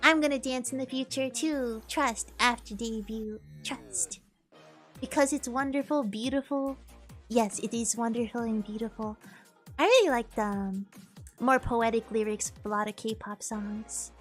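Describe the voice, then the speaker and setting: A young woman chats casually with her stream viewers in a slightly slow, somewhat high voice. She comes across bubbly and upbeat, breaking into playful snatches of song. Faint music plays in the background.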